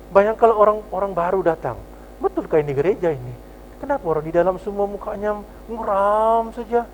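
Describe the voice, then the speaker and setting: A man with a Sabah Malay accent preaches in a church through a microphone, his voice sitting a little high for a man. He acts out small scenes with quick changes of voice and laughs often. A faint hum stays under the recording. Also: rough recording. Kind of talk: sermon.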